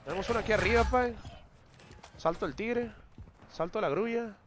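A man's voice: high voice, moderate pace. A man chatting on a live game stream, teasing his chat with slangy banter.

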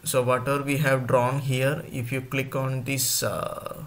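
Slow-speaking teacher man. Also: mid-range voice, little pitch movement, a bit bright. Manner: slow, repetitive, addresses students directly. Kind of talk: online class lesson.

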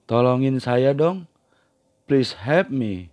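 A man teaching beginners, reading short everyday phrases and then their translations in a slow, scripted drill. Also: mid-range voice, lively intonation, a little mellow. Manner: reads each phrase in one language, then its translation. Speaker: language teacher.

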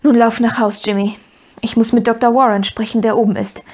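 A stern, proud aunt who gives orders in a clipped, commanding tone, as a woman reading a storybook puts her on. The voice is fairly high and stays firm. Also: fairly even intonation, a little fast, a little mellow, natural voice. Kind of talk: audiobook character voice.

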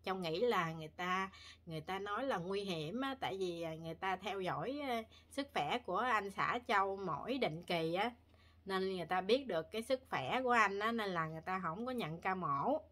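A woman's voice: mid-range voice, lively intonation, fairly quick, fairly bright tone. A woman from Vietnam, a vlogger, talking casually to her viewers in a rambling way with many fillers and restarts. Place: home in Korea.

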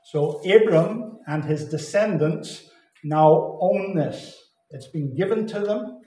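A man gives a Bible teaching talk in a slightly high voice. He speaks deliberately and hammers home key words by repeating them. The sound is roomy, with the echo of a large hall. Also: warm tone. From Saskatchewan, Canada. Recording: echoey hall.

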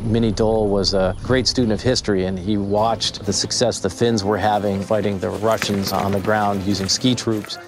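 A man's voice: lowish voice, level tone, normal speed, hardly any pauses, background noise. A man in an interview explains history, hesitating now and then. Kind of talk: interview commentary.

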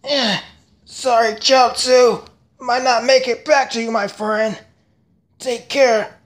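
A man's voice: very high-pitched, steady tone, slow pace, fairly bright tone, heavily acted. A man voicing an earnest, self-sacrificing martial artist from an anime. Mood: weary, resolute.

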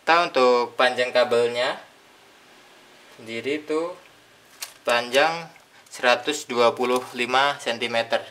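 A young Indonesian product reviewer with a bright, forceful, medium-pitched voice demonstrates a tool's features in a hands-on unboxing. Working indoors at a tabletop, he explains things in plain steps, pausing between phrases as he handles each part.

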